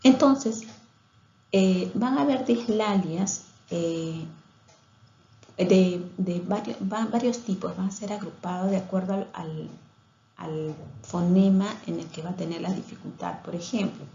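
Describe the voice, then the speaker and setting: A woman's voice: on the low side, measured pace, gravelly, dark tone, reverberant, dull audio. A woman giving a recorded lecture on speech therapy, explaining things step by step with some hesitations and restarts.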